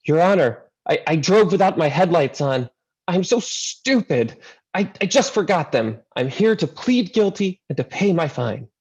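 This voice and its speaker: A woman's voice: on the low side, expressive, normal speed, darkish tone, slightly rough, highs cut off, voice pushed up. A man voicing a fiery elderly grandmother with a thick Greek accent, pleading her case with emphatic conviction. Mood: self-reproaching.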